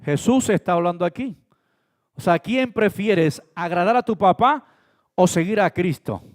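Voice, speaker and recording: Man, pastor, sermon, high-pitched voice, swings loud and soft, acts out little dialogues. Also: unhurried. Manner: preaching with sudden swings between loud emphasis and soft asides.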